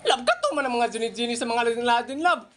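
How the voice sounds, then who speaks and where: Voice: medium pitch, big pitch swings, fast talker, fairly bright tone. Give me a comedian playing every role in a skit. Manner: switches between put-on voices. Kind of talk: one-person comedy skit, playing several parts.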